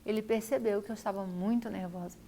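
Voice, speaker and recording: A woman's voice: medium pitch, fairly even intonation, fast, dark tone. A woman telling her own story to camera, repeating phrases for emphasis. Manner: repetitive, emphatic retelling. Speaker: vlogger.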